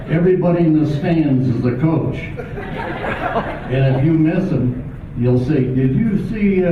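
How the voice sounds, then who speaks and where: Older man, anecdotal acceptance speech; distant, tinny, noisy hall recording. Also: mid-range voice. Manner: emotional, anecdotal, chuckling. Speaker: honoree giving acceptance speech. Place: large hall at an awards ceremony. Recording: echoey hall from far off over tinny, noisy sound.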